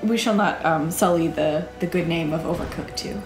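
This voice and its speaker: A woman's voice: low-pitched, normal speed, music in the background. A woman chatting casually as she plays a video game and explains how it works. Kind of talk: casual gaming chat. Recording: roomy, echoey microphone.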